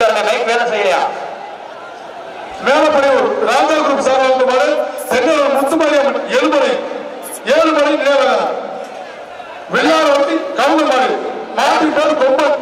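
A man announcing at an outdoor event through a public-address loudspeaker. He calls out prizes and cheers with loud, repeated shouts. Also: very high voice, measured pace, pauses often, a little hiss or hum. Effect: voice heard through a public-address loudspeaker. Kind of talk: live event commentary calling out prizes. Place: outdoor bull-taming arena. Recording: echoing loudspeaker heard from far off over a loud crowd.

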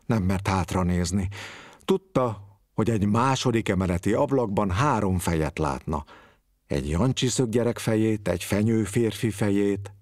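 A man reading a literary story aloud with expressive, varied storytelling. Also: lowish voice, no room sound, studio quality.

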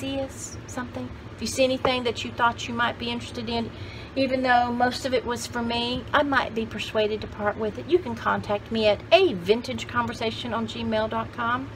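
With a fairly high pitch, steady tone, and moderate pace, a woman in her sixties presents thrift haul finds as a vlog host. She talks casually and enthusiastically to camera, rambling and exclaiming, from a cluttered indoor craft room at home with clearly noisy background sound.

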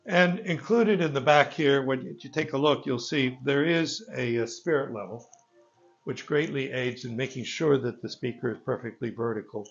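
An older man from a loudspeaker company gives an informal product presentation in a gravelly, mid-range voice, his phrasing halting and hesitant. He's indoors in a carpeted listening room with a stone wall, captured by a phone camera a few meters away, and the highs are cut off.

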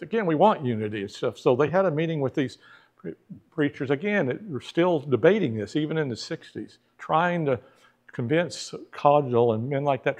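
His voice is on the high side and a little mellow. A middle-aged man in a church classroom conducts a church history class conversationally, posing questions to students and acting out the people whose words he quotes.

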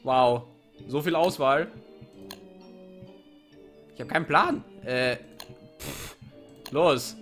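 A young man with a cold doing excitable let's play commentary on a game, with jumpy exclamations and self-mocking remarks. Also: mid-range voice, very slow, long pauses, soft background music. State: sick with a cold, coughing. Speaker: gaming YouTuber.

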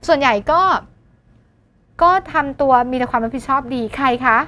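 A woman teaching English for an exam, lively, asking questions and answering them herself. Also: sits high, moderate pace. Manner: mixes English words into her talk. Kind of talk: exam-prep lesson.

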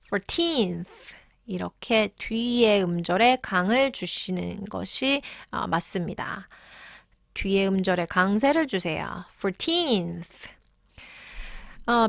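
A woman teaching English, patiently explaining and repeating key words slowly. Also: mid-range voice, dry recording, studio quality. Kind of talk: explaining English lessons in Korean.

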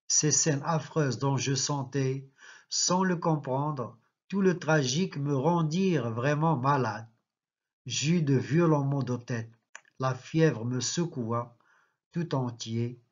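A man, a literature teacher reading a novel aloud and pausing to explain figures of speech. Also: mid-range voice. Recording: slightly muffled lo-fi recording.

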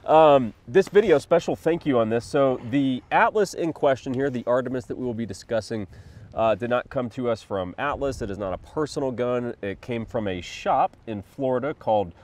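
A man in his thirties co-hosts a firearms review channel, talking casually about a gun in a rambling, filler-heavy way as he thinks aloud. He's a bit under the weather and coughs. His mid-range voice is a little mellow and moves at normal speed.

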